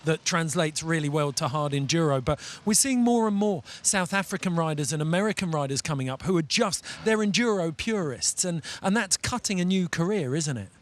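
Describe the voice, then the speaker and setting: A man hosting a live sports talk show in brisk, upbeat presenter patter. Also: on the high side, lively intonation. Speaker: host.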